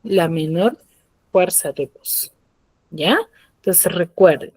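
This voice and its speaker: A woman's voice: fairly low pitch, slow pace, darkish tone, breathy edge, dry recording, low-quality recording. A woman teacher, lecturing in an online class, explaining patiently, repeating key terms and checking that the students follow. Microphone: computer mic on a video call.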